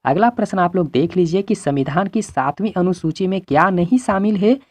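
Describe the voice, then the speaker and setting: A man's voice: sits high, animated, fairly quick, a little mellow, dry recording. Earnest male teacher, dry close sound. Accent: Hindi-belt Indian. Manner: earnest, repetitive, pleading. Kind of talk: exam-prep lesson.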